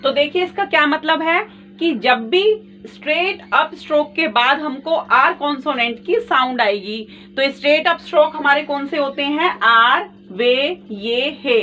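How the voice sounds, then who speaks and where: Patiently and repetitively, a woman walks her viewers, whom she calls friends, through a shorthand lesson step by step. Her high-pitched voice is bright and forceful at a moderate pace, with faint music behind. The mic sounds distant, dull and lo-fi, with faint noise.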